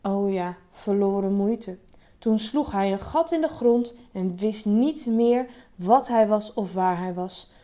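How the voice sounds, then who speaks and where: Slow woman reading a storybook. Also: mid-range voice, dark tone. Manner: slow, measured narration.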